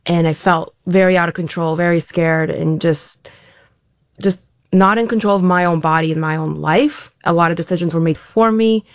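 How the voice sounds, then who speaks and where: A woman's voice: on the low side, normal speed, dry recording, studio quality. A woman answering interview questions as an elite athlete guest, talking in a reflective, open way with frequent restarts.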